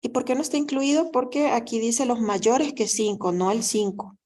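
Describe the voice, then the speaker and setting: A woman's voice: a little high, normal speed, a little mellow. A woman teaching a math class in a patient, step-by-step way, often checking in with the students. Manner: patient, explanatory, often asks "¿verdad?". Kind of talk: recorded class lecture.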